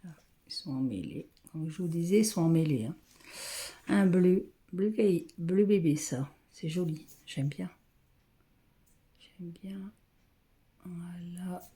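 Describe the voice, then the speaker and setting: A woman filming on her phone at home, talking softly and often half-whispering, hesitant and repeating herself as she names colors. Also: fairly low pitch, expressive, unhurried. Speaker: craft vlogger showing thread colors. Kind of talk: casual show-and-tell. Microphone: phone camera.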